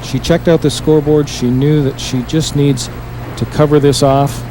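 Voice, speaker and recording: A man giving measured, analytical bowling commentary in the restrained manner of a golf commentator. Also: fairly high pitch, level tone. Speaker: five-pin bowling colour commentator. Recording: noisy bowling alley broadcast.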